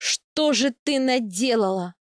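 A woman voicing a huge bearlike man, a loyal protector who roars and scolds, in a low loud voice. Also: animated, slow pace, dry recording, studio quality. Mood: scolding. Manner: roaring, scolding.

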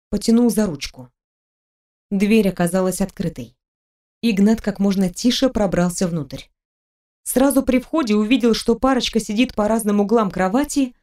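A woman reading an audiobook aloud. Her delivery is even and expressive, in a mid-range voice. She paces the story steadily. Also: mid-range voice. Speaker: audiobook narrator. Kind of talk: scripted narration.

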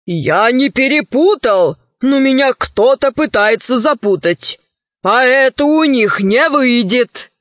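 A woman voicing a tall, thin, grumpy male magician who mutters slowly and gruffly. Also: high-pitched, animated, dry recording, highs cut off. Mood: grumbling.

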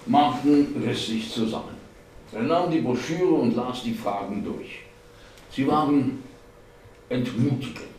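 A man giving a literary reading of a novel at a public event, narrating in a measured, expressive way. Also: medium pitch, slight background noise. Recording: echoey hall, voice far from mic.

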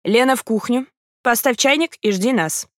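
A woman doing a brisk, confident male doctor friend. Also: fairly high pitch, a bit bright, no echo, studio quality, pitched above the performer's own voice, natural voice. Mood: brisk, assured. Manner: brisk and commanding.

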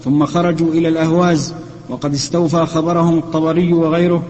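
A man reading a classical text aloud for his teacher in a lesson, steady and even, correcting himself now and then. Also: on the high side, quick pace, big-room sound, rough recording. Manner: steady, even recitation with small self-corrections.

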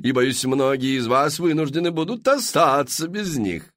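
A man's voice: a little high, animated, moderate pace, no echo, studio quality. A man voicing a pompous, showy female fashion queen who sells to a crowd in a theatrical, grand manner. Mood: grandly selling. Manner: theatrical, grand, rising to loud exclaims.

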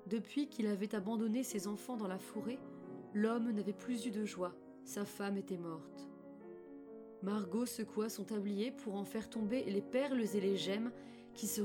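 A woman reading a fairy tale aloud as an audiobook narrator, in a calm and measured way. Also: mid-range voice. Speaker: audiobook reader. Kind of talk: storybook narration.

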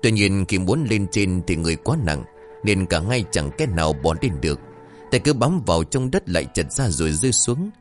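A man narrates a horror story in a deep, low voice. His pitch rises and falls widely as he reads dramatically, with faint music underneath. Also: very animated, moderate pace.

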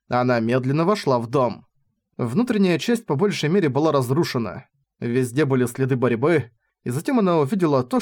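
Male narrator for a novel audiobook, mid-range voice, steady and even. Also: mid-range voice.

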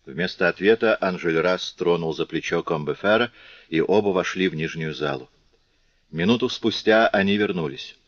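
A man narrating a classic novel audiobook in a measured, dramatic reading, in a dull, lo-fi recording. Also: low voice, dry recording.

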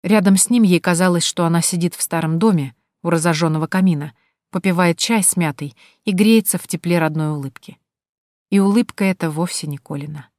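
Woman narrating an audiobook, low-pitched. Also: a little fast, darkish tone, dry recording, clean studio sound. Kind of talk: scripted narration.

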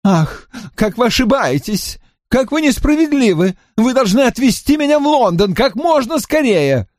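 A man voicing a cowardly, panicky gentleman in high, pleading, shrill tones in an audiobook. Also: very animated, moderate pace, dry recording, clean studio sound. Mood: peevish.

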